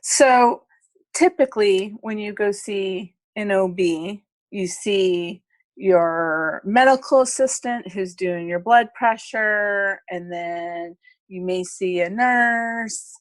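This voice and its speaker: Female guest expert, midwife, slow measured explainer, dry close mic. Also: medium pitch, no room sound. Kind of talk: explanatory interview talk.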